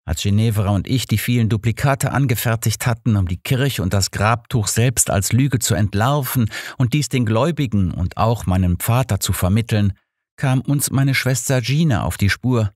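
A man's voice: fairly low pitch, moderate pace, darkish tone, no echo, studio quality, lightly acted. A man voicing an earnest young male pastor who justifies himself in an audiobook. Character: young male pastor, bitter, defensive confessor.

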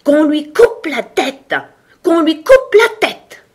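A woman's voice: sits high, sing-song, slow, darkish tone, voice pushed up, full character voice. A woman voicing a cruel, bossy queen who screams her orders in a storybook reading. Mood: furious shouting.

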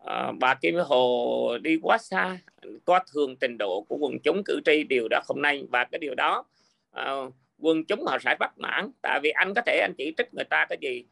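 A man's voice: fairly high pitch, lively intonation, normal speed, gravelly, bright, forceful tone. A man in casual political chat, speaking hesitantly with many fillers. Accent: Vietnamese-American.

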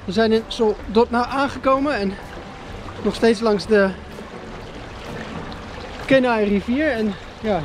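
This travel vlogger has an extremely high-pitched voice and talks slowly, pausing often while music plays behind him. Standing outdoors by a river during a road trip, he chats casually to the camera, hesitant and full of fillers.

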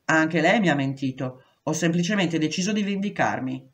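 A woman's voice: low voice, expressive, normal speed. A woman reading aloud, voicing a dismissive male prison doctor with curt, evasive replies. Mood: cold. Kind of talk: audiobook reading.

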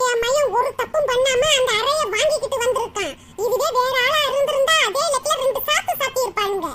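Squeaky bossy cartoon village woman. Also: a little fast, pushed and bright. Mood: demanding. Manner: blunt, mocking, scolding. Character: bossy village woman demanding answers, loud and blunt. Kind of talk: cartoon comedy dub.

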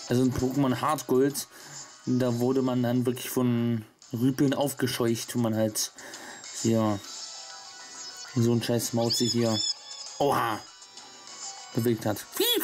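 A man's voice: medium pitch, flat delivery, slow, pauses often, over music. A man giving casual video game commentary and reading on-screen text aloud as he plays. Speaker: let's-play gamer.

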